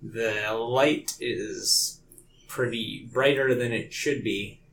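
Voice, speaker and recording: A man's voice: medium pitch, slow, a bit bright. A man playing a tabletop game, casually and hesitantly describing what his character notices and asking questions. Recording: faint room noise.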